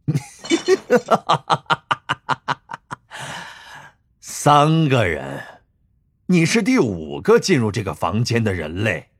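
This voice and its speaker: A man's voice: on the low side, huge pitch swings, measured pace, dry recording, studio quality, pitched below the performer's own voice, exaggerated voice. A man voicing a sly, gleeful male cobbler from an underground race, mocking and laughing sinisterly.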